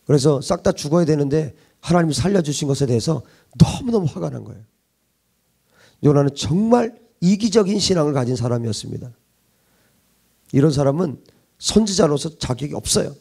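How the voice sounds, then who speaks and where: A male pastor preaching a sermon with emphasis, firing rhetorical questions and swinging between loud urgency and hushed intimacy. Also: a little high, creaky, husky.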